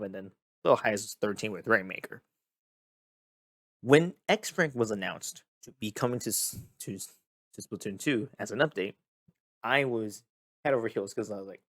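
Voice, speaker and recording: A young man hosting a casual gaming vlog, tired and a bit monotone, rambling and repeating himself as he talks. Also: lowish voice, no room sound. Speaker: gaming video host. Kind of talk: casual talk to camera.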